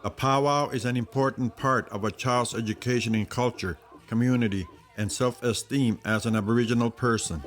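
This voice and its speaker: A man's voice: mid-range voice, fairly even intonation, a little fast, hardly any pauses. A man reading scripted documentary narration.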